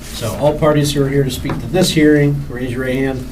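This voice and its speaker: A man's voice: medium pitch, steady tone, brisk. An American man chairing a public hearing in procedural meeting talk. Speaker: review board chair running a public hearing. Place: public meeting room with room microphone. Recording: distant mic, noisy meeting room.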